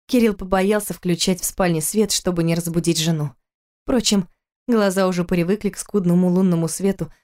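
A woman narrating an audiobook in a low, mellow voice. Her delivery is steady and even, reading the prose in a calm storytelling manner. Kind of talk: scripted narration of a romance novel.

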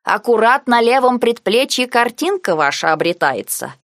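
A woman reading the part of a proud, buxom maid with rustic, drawn-out speech. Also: fairly high pitch, big pitch swings, a bit bright, no echo, clean studio sound, voice pushed up.

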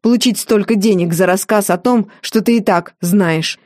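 A fed-up elder sister snaps back with dry sarcasm, as a woman narrator acts her out. The tone stays mellow and close, with no room around it. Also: mid-range voice, moderate pace, dry recording, natural voice. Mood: snappish. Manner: snappish, sarcastic.

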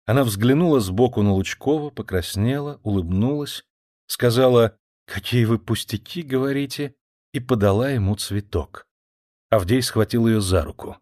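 A man reading a classic novel aloud in a measured, expressive storytelling voice. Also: lowish voice, no echo, clean studio sound. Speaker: audiobook narrator. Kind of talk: scripted literary narration.

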